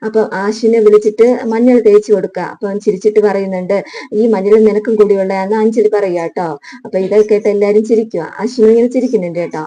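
A woman's voice: medium pitch, warm tone. A woman casually retelling a TV serial episode in a chatty way, adding little tag words as she goes. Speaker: serial review narrator.

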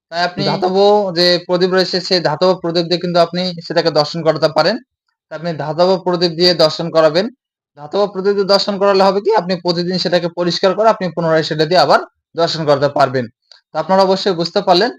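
Fast-talking man teaching devotional rules. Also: high-pitched. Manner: repetitive, explains step by step, recites the chant. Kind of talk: religious instruction.

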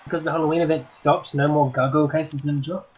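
A casual co-player on a gaming stream who chats and reacts quickly to what happens in the match. Their voice sits at an everyday middle pitch. Faint noise hums under the recording. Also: fairly even intonation, highs cut off.

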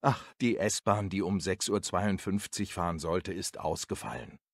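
A man's voice: deep voice, fairly even intonation, measured pace, dry recording, clean studio sound. A man reading a coworker's lines in a scripted dialogue for a language lesson, explaining and apologetic. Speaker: office worker in a dialogue.

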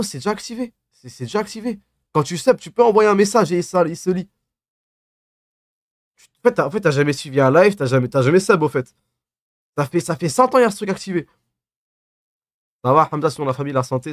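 A man's voice: a little high, animated, fast talker, long pauses, no echo, studio quality. A man in his twenties with a lisp on his s sounds, chatting casually and teasingly as he reads and answers livestream comments in slangy banter. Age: 20s. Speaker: live streamer. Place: small dim room at a desk.

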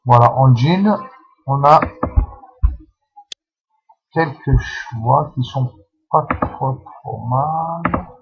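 A man talks viewers through a game in a casual, unscripted way, stopping and restarting often. His delivery is slow and unhurried. The recording sounds dull and lo-fi. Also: mid-range voice, gravelly, husky. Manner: hesitant, full of fillers and restarts. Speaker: channel host explaining a game.

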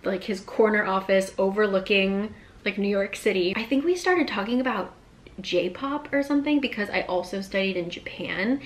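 A young woman talks straight to her camera from a small apartment, rambling happily through a story with plenty of "like" and "um". She sounds close and natural, her pitch sitting in an ordinary middle range. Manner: chatty, many "like" fillers, animated hand gestures. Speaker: vlogger. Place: small apartment room, indoors.

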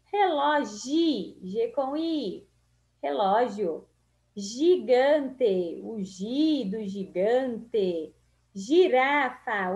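A Brazilian woman teacher slowly reading through a children's spelling lesson, drawing out each word in a sing-song way. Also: fairly high pitch, darkish tone. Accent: Brazilian Portuguese. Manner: drawn-out, sing-song words for small children. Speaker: primary school teacher. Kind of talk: slow, syllable-by-syllable reading lesson.

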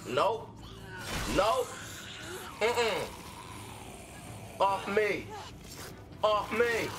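Excitable high-voiced man playing a game. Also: drawn-out words, noisy background. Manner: excitable, talks back at the screen and cheers the character on. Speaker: gaming channel host. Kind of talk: let's-play commentary.

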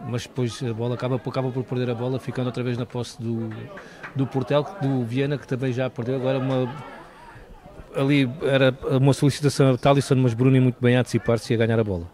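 Guy with portugal accent analysing a football match, talks fast, pretty flat pitch. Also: a crowd in the background. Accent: European Portuguese. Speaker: football co-commentator. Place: outdoors at a football ground.

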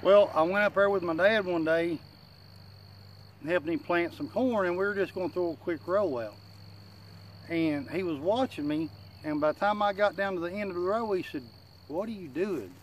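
A man's voice: high-pitched, normal speed. Country man talking with tobacco in lip. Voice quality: slightly muffled speech from chewing tobacco in the lip. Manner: plain-spoken, self-deprecating country talk. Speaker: gardening channel host. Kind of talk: casual, folksy advice talk to camera. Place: outdoors in a wooded yard. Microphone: camera a few feet away. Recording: outdoor insect and nature noise.

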